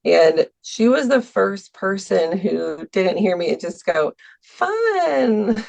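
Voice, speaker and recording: Gravelly-voiced woman, chatty with many ums. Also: lowish voice, a little slow, darkish tone. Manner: hesitant, many ums, laughs often. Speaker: podcast guest, art teacher for seniors. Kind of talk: casual interview talk. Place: Milwaukee, US.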